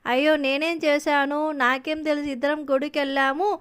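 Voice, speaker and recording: Scheming greedy stepmother for a storybook; woman performs her, whining, high. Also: level tone, normal speed, fairly bright tone.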